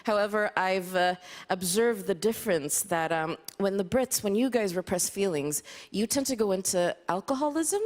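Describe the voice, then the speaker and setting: Faint laughter and applause accompany a Swedish woman's live stand-up comedy. Speaking at normal speed in a mid-range voice, she's dry and self-mocking, with frequent small hesitations.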